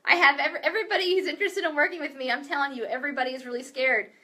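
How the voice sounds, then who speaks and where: A woman's voice: high-pitched, steady tone, very fast, bright, forceful tone. A woman mentor talking casually to camera, candid and profane, full of filler likes. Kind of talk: casual direct-to-camera talk.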